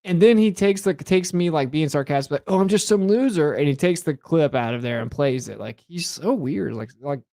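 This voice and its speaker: A man's voice: on the high side, moderate pace, creaky, few pauses, dark tone, no room sound. A man hosting a reaction commentary, mocking and sarcastic as he picks apart clips. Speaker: show host reacting to clips.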